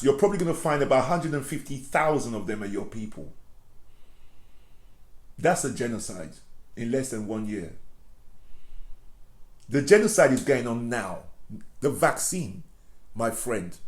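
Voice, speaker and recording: A man's voice: medium pitch, a little mellow. A man giving impassioned online commentary, speaking directly to the person he criticizes and repeating phrases for emphasis. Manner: confrontational, addresses his target directly, repeats phrases. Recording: roomy echo.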